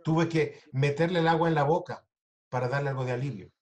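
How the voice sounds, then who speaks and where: A man's voice: on the high side, a little mellow. A man giving a talk to an audience about his own survival, earnest and direct, often stumbling and restarting his words. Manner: halting, many restarts and stammers. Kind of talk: personal testimony to an audience.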